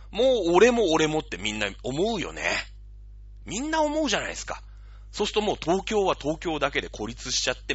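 Animated man on a dull lo-fi recording. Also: a little high, slightly rough, dry recording. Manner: animated, explains with playful analogies. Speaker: radio show host. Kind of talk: casual explanatory talk.

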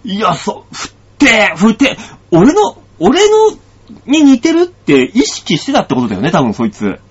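A man's voice: sits high, moderate pace, slightly rough. A man hosting a radio show as a comedian, telling a story in casual chat and acting out the dialogue. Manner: animated storytelling, acts out dialogue. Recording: dull lo-fi sound.

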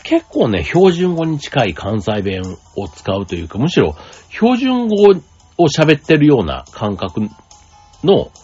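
Chatty man rambling with lively pitch. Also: unhurried, breathy edge. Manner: rambling, chatty, many fillers and asides. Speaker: podcast host. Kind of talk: casual solo chat. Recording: slightly dull lo-fi audio with faint music.

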